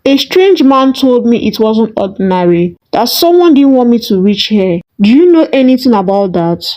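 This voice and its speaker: A woman voicing a determined young man who speaks in a steady, firm way. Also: fairly high pitch, moderate pace, natural voice, rough recording.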